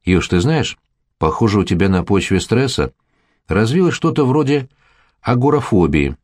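A man voicing a young woman who is teasing and caring in an audiobook, with a playful, gently mocking manner. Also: lowish voice, very animated, moderate pace, no echo, studio quality. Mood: careful.

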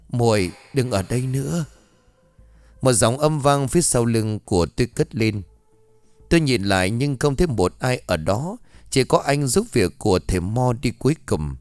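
A man narrating a ghost story in a somber, expressive storytelling manner. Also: medium pitch, clean tone, no room sound. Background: faint music.

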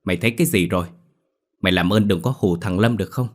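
A stubborn, nervous young man in a spoken ghost story, read by a male narrator. His low voice talks bluntly and slides into pleading. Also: fast.

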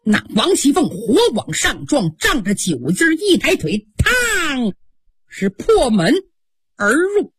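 A woman's voice: sits high, very animated, takes it slowly, breathy edge, no room sound. A woman performing a traditional story with dramatic, vivid delivery and spoken sound effects.

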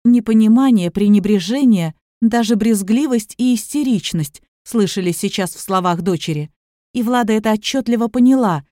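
A woman narrating an audiobook with a steady, even reading. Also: mid-range voice, normal speed, dry recording, studio quality. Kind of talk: scripted narration.

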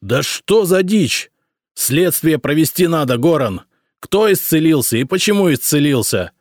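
A man reading an audiobook, voicing a gruff, irritable middle-aged emperor who grumbles and barks at his servant. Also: on the high side, big pitch swings, a little slow, no room sound, studio quality, voice pushed up. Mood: angry barking. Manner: barking, exasperated outbursts.

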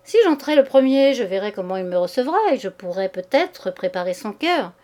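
Woman reader doing young noble nephew, courteous, quietly ironic. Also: mid-range voice, expressive, brisk, lightly acted. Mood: polite. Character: young nobleman nephew, man, wry, polite.

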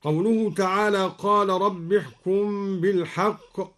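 A man from Egypt giving a radio lesson on recitation variants, calmly explaining each point and then chanting the verse slowly and melodically. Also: high voice. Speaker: Quran recitation teacher.

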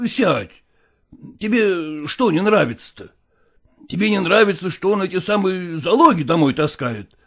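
Guy reading an old merchant dad, husky and gravelly, talks up and down a lot, folksy and pushy. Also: sits high, expressive, a little slow, a bit bright, full character voice. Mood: coaxing. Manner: persuasive, folksy. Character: older merchant father, coaxing, pragmatic. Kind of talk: dramatized literary reading.

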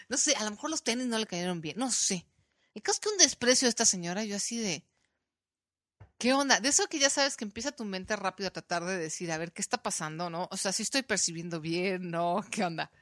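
A Mexican woman hosts her podcast in a casual, chatty way, slipping into little voices as she retells what people said. Her voice is bright and forceful, and the sound is close and dry. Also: mid-range voice, brisk, dry recording. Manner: animated storytelling, acting out quoted voices. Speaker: podcast host. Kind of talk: casual chat.

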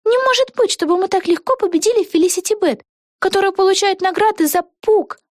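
Woman squeaking as plucky witch girl Vega. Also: brisk, no room sound, clean studio sound. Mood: indignant. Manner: shrill, indignant outbursts.

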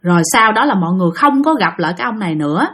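A woman's voice: mid-range voice, lively intonation, racing, a bit bright. A woman with a Southern Vietnamese accent telling a spooky story in a chatty way, speaking directly to her listeners.

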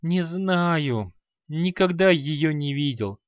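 A man's voice: fairly high pitch, expressive, slow, no room sound, highs cut off. A man voicing a frightened fat rich merchant who stammers and pleads. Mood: faint.

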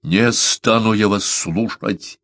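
A furious, half-mad man, voiced by a male reader, barking hoarse, fierce outbursts in an audiobook, pitched higher and louder than the narration. The sound is dry and close. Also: measured pace, dry recording.

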